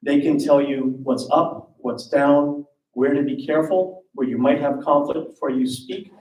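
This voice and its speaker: Man pitching from far off in an echoey hall. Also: fairly even intonation, a little slow, darkish tone. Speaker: intercultural communication strategist. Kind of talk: startup pitch talk.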